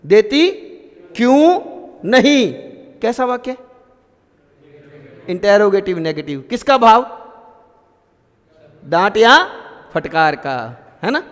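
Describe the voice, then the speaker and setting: A man's voice: high voice, big pitch swings, slow pace, long pauses, a bit bright. A man teaching grammar to a class, telling little stories and quizzing his pupils. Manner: storytelling, asks pupils questions. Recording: long reverb in a classroom.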